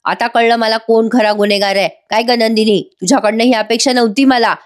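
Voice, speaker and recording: A woman's voice: fairly high pitch, fairly even intonation, brisk, lightly acted. Brief: woman reading a stubborn father cutting everyone off. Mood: angry. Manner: shouting, stern. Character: angry middle-aged father, gullible and stubborn.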